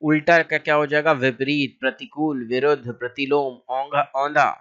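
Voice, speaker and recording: A man teaching as a language teacher, reciting lists of synonyms in a steady, drilling way with short asides. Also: fairly high pitch, normal speed, highs cut off. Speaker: Hindi teacher.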